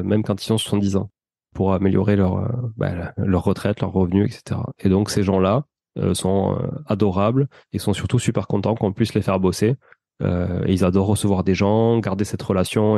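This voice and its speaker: His voice is lowish and mellow with vocal fry, captured cleanly in a studio with no room sound. As a guest in a casual interview, this entrepreneur and property investor from France, of Portuguese descent, talks informally and at length about his own experience, slangy and explanatory.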